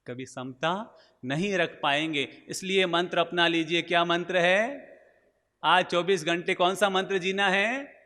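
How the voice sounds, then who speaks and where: High, bright-voiced male preacher in a hall. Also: measured pace. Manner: storytelling, rhetorical questions, acts out anecdotes. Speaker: Jain monk preacher. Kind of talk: sermon. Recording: long hall reverb.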